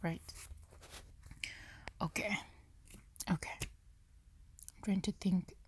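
A woman hosting a podcast, thinking aloud through a Bible study in a low, half-whispered way, often stopping to correct herself. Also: fairly even intonation, slow, darkish tone. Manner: searching, self-correcting musing. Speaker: podcast host.

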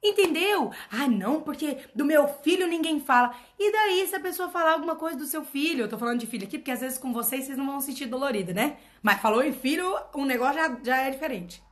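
A woman's voice: high voice, fast, few pauses, a bit bright. A woman mentoring her followers in an emphatic motivational talk. She repeats her points and keeps asking rhetorical questions. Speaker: personal development mentor.

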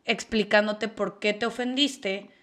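A woman's voice: medium pitch, fairly even intonation, unhurried, fairly bright tone. A woman with a Mexican accent co-hosting a casual chat, frank and blunt, swearing freely. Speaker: podcast co-host.

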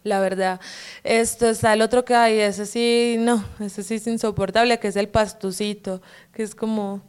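A Colombian woman with a mild paisa accent, chatting casually as a guest, relaxed and giggly. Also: medium pitch, normal speed, clean tone. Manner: relaxed, giggly, hedging with fillers. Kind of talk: casual chat.

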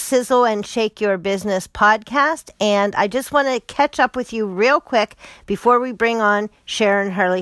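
A woman hosting a podcast in a casual, chatty way, with a gravelly voice hoarse from a cold. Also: medium pitch, a bit bright, no room sound. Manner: chatty, upbeat, spells things out slowly. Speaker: podcast host.

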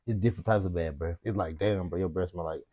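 A man's voice: deep voice, quick pace, warm tone, dry recording, clean studio sound. A man hosting a podcast in loose, profane, jokey slang banter. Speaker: podcast host. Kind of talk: casual chat.

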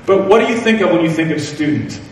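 A man's voice: fairly high pitch, expressive, quick pace, distant mic, a little hiss or hum. Man preaching in an echoey hall. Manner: storytelling, self-deprecating humor. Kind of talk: sermon. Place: church hall.

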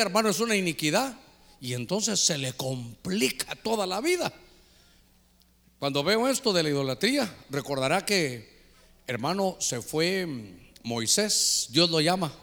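A man's voice: high voice, sing-song, normal speed, fairly bright tone. An older man preaching a sermon as pastor, telling stories and calling the listeners brother.

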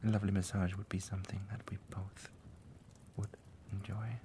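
In an ASMR roleplay, a man plays a doting, affectionate male dragon lover, speaking softly and often slipping into a tender whisper. His voice is low and his delivery flat and only lightly acted, moving fairly quickly, with background noise present.

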